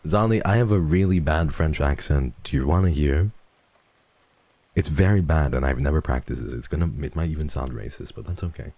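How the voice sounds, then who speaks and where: A man chats casually with viewers on a stream, swearing freely and talking fairly quickly. He swings from low mumbles to excited high yelps, and there's no room sound.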